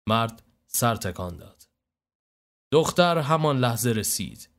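A man reading a scripted story in a steady, even narrating voice. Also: mid-range voice.

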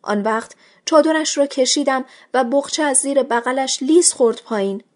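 A woman reads a literary short story aloud in the first person. Her voice sits a little high, and her telling is measured and expressive, shaping each line of the story. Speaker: audiobook reader.

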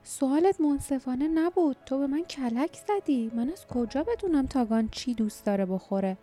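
A woman voicing a brave young man in danger, speaking in a high, urgent and pleading voice. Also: mellow, faint music behind, lightly acted. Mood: desperate. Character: desperate brave young male hero.

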